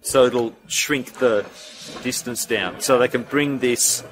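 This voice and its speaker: A man's voice: medium pitch, slow, noisy background. A man hosting a casual interview in a large warehouse, affirming and paraphrasing what he hears, recorded on a 360 camera he carries. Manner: affirming, paraphrases back, many yeahs. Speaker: host and interviewer. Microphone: 360 camera held by speaker.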